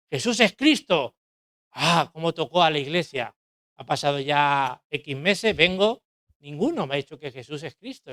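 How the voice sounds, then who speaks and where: A man's voice: on the high side, fairly bright tone, no echo, clean studio sound. A middle-aged man preaching a sermon in a church, emphatic, repeating key phrases and asking rhetorical questions.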